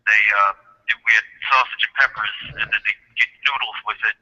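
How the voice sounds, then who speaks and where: A man talks quickly over a tinny jail payphone line. His voice is very bright and cutting, and he gripes bluntly and swears freely in a casual chat. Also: fairly low pitch, steady tone. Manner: blunt, profane griping. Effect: heard over a jail payphone line. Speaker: caller phoning in from jail.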